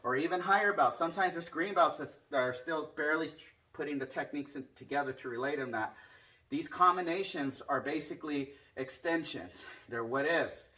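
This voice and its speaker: A man's voice: fairly high pitch, brisk, bright, forceful tone. A man working as a martial arts instructor, explaining a hands-on demonstration casually and punctuating it with short counts and strike sounds. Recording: distant microphone.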